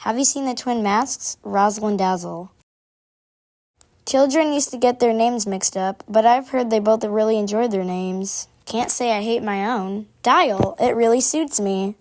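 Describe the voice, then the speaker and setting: A woman's voice: fairly high pitch, measured pace, a little mellow, natural voice. A woman voicing a prim, busy, gossipy game character who confides in formal phrasing, aloof but chatty. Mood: prim, confiding. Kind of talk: scripted character monologue.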